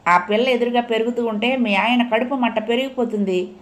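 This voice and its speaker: A woman's voice: a little high, steady tone, brisk, voice pushed up, natural voice. A woman reading as a blunt, streetwise man. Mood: consoling. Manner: matter-of-fact, consoling. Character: streetwise grown man, blunt but consoling.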